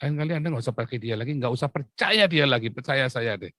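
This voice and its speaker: A man's voice: mid-range voice, quick pace, a bit bright, dry recording. A man preaching a humorous sermon, acting out little dialogues and laughing often.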